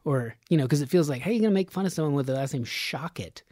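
Male podcast host, casual and rambling, laughs a lot, fairly high voice, dry studio sound. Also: animated, racing, a little mellow, no room sound. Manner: rambling, chatty, laughs often.

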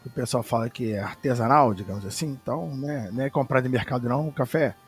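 A man's voice: mid-range voice, quick pace, soft background music. A man in his thirties with a Brazilian Portuguese accent, chatting and telling stories casually as a podcast guest. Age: 30s. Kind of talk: casual storytelling chat.

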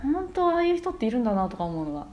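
A woman illustrator, a podcast guest, talking in a relaxed, musing way with soft fillers. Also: fairly high pitch, very fast, slight background noise. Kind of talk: casual podcast chat.

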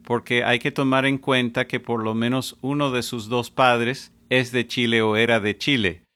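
A man hosting a discussion podcast, asking questions in a measured way and steering the panel. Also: medium pitch, flat delivery, a bit bright. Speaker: host. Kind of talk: podcast moderating.

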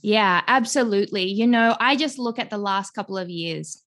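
A woman in her thirties with an Australian accent, from Melbourne, talking as a guest on a podcast in an effusive, animated way. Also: mid-range voice, moderate pace. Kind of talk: podcast interview conversation.

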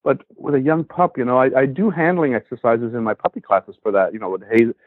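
A man's voice: medium pitch, steady tone, brisk, breathy edge, dry recording. A man who trains dogs, talking casually on a podcast, rambling with many fillers. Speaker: dog trainer and podcast host. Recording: tinny phone line.

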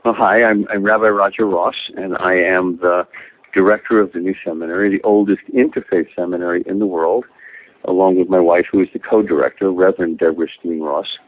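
A male rabbi introducing himself and his seminary at a steady, measured pace. His voice is low and comes through a thin, tinny phone line.

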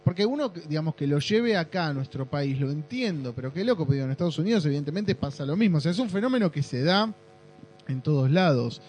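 A man's voice: a little high, expressive, fast talker, a little mellow, faint music behind, low-quality recording. An Argentine man hosting a casual podcast chat in a slangy, offhand way. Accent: Argentine Rioplatense.

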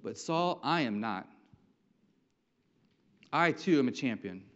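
A man's voice: medium pitch, expressive, takes it slowly, a bit bright. A man voicing a bold young shepherd who boasts defiantly to a king, in a dull lo-fi recording. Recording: dull lo-fi sound.

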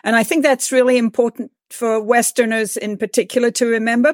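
A woman's voice: fairly high pitch, dry recording, studio quality. A woman co-hosting a podcast, asking a guest questions in an articulate, direct way. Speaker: podcast co-host. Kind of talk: interview questions.

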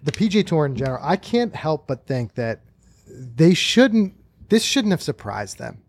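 A man's voice: on the high side, big pitch swings, normal speed. A man hosting a golf podcast, reading sponsor spots and chatting with enthusiasm. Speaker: podcast host. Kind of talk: casual podcast talk and ad reads.

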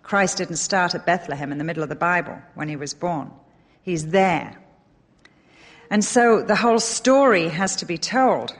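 A middle-aged woman from England with an English accent, giving an animated, emphatic Bible teaching talk with a touch of self-deprecating humor. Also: lowish voice, moderate pace. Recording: long hall reverb.

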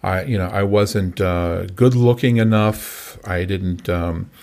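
An older man in his sixties, speaking as a guest on a recovery talk show. His voice sits low, and he talks in a halting way, full of fillers and false starts. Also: darkish tone. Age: 60s. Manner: halting, many fillers and restarts. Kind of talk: casual conversation.

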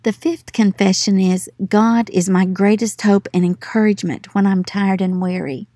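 Mellow-voiced woman giving devotional teaching. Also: medium pitch, steady tone, dry recording. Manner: earnest, encouraging, slows for emphasis on verses. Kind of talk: devotional Bible teaching with scripture reading.

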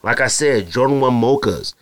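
With a medium-pitched voice, lively intonation and a normal speaking speed, a man from Arizona hosts a casual solo podcast. He rambles, uses lots of slang and often mimics people. No room sound can be heard.

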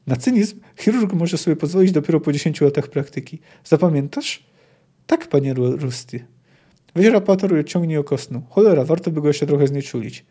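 A small halfling surgeon, scared but standing his ground, with a voice that shakes yet stays firm, read by a man. It comes out somewhat high and warm, never harsh. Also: expressive, a little fast, breathy edge. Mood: stern. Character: frightened but defiant male halfling surgeon.

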